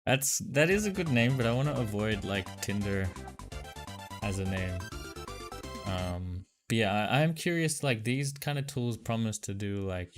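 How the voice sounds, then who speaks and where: A man with a lowish voice speaks into a livestream headset mic in a loose, filler-heavy way, greeting viewers as he goes. Soft music runs quietly in the background. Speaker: livestream host. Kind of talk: casual livestream chat while testing software.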